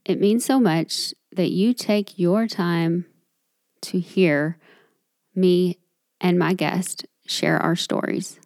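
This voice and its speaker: A woman's voice: lowish voice, fairly even intonation, takes it slowly, darkish tone, dry recording, studio quality. A woman hosting her own podcast, talking alone in a chatty, upbeat and self-deprecating way. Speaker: podcast host. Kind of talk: solo podcast monologue.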